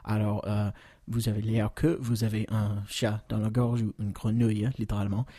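An American man hosting a podcast lesson, patient and hesitant, with many fillers and slow, carefully spoken model phrases. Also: on the low side, flat delivery, dark tone, no echo, clean studio sound. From United States. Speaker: English teacher, podcast host.

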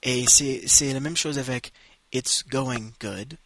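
Man, language lesson, bright husky tone, very slow delivery, dry close sound. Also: mid-range voice, no room sound. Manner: slow, drawn-out model phrases for repetition. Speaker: English teacher.

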